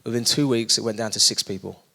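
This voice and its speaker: A man's voice: on the low side, fast talker, creaky. A man with an East London accent, a young adults pastor talking casually in an interview, telling stories with energy and lots of fillers. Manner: energetic, animated storytelling with many fillers.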